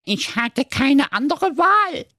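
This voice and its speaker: A man voicing a tearful old witch who pleads slowly and whines. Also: very high voice, sing-song, pushed and bright, dry recording, clean studio sound, voice pushed up, exaggerated voice. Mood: pleading. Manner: slow, whiny, pleading. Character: tearful confessing old witch, restaurant owner.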